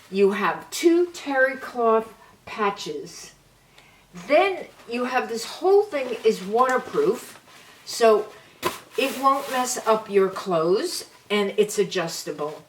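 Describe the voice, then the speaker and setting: Unhurried older New woman, distant mic. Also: on the high side, very animated. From New York. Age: 70s. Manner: chatty, homey, shows items one by one. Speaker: beauty vlogger. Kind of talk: casual product chat to camera. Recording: slightly distant mic with faint hiss.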